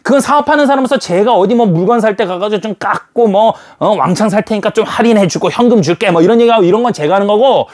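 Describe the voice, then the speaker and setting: A man's voice: sits high, fast talker, few pauses. A man preaching a sermon in an emphatic way, firing rhetorical questions at his listeners. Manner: animated, emphatic, full of rhetorical questions to the audience.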